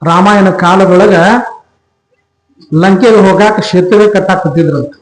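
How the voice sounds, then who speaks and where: A man tells a devotional story with lively rhetorical questions. His voice sits high. The room adds noticeable echo. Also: a little slow. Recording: echoey room.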